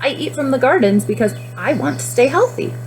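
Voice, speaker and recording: A woman plays a helpful female rabbit in a children's storybook. She is encouraging and instructive, with animated swings in pitch. Faint music runs underneath. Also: a little fast, low-quality recording. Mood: upbeat.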